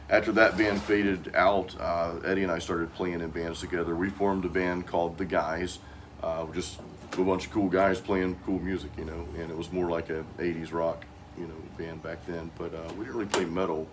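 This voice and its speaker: A middle-aged American man hosts a casual chat in a very low voice. His talk is loose and slangy, and there is clear noise in the background. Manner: informal, peppered with "dude" and "man". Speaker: host.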